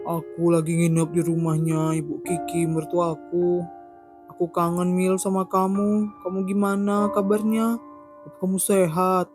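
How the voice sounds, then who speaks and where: A woman voicing a husband who still longs for his ex-girlfriend in an animated drama. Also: on the low side, unhurried, over music, pitched below the performer's own voice, lightly acted. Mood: wistful. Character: middle-aged husband pining for his ex.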